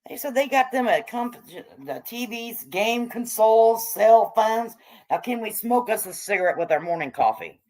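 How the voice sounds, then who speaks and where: Reading and responding to chat during a casual livestream, a middle-aged or older American woman raised among hippies keeps up salty, slangy, irreverent joking commentary. Her slightly low voice has a darkish tone, expressive delivery, and a normal speed.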